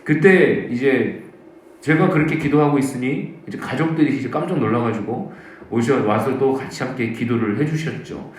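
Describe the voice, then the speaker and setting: 교회 예배당에 울리는 남성 목사의 간증 설교. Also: male voice, medium pitch, moderate pace, a little hiss or hum. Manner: storytelling, acts out quoted voices. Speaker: pastor. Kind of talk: sermon with personal testimony. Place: church sanctuary. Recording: very echoey church hall.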